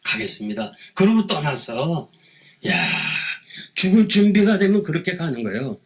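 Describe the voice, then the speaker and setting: A male pastor preaching at a seminar for pastors, telling animated stories and acting out what people said, often calling out to the audience for a response. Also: high-pitched, normal speed. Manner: animated storytelling, acting out quoted dialogue.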